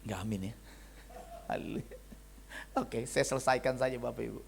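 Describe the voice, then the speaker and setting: A middle-aged male pastor preaching a sermon, telling stories with sudden shifts between loud, excited bursts and quiet asides. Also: mid-range voice, moderate pace, creaky, slight background noise. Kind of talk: sermon with storytelling. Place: fellowship meeting hall.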